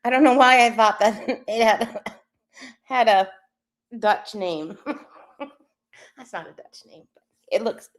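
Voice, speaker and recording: A woman co-hosting a livestream chats casually with viewers, reading and answering the chat. Her voice is on the high side and slow, with long pauses, and she laughs often, sounding a little wheezy.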